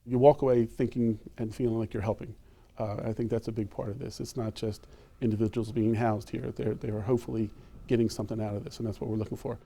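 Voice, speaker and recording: A man's voice: fairly low pitch, level tone, quick pace, gravelly, warm tone. A man, a corrections official, answering interview questions in an earnest way.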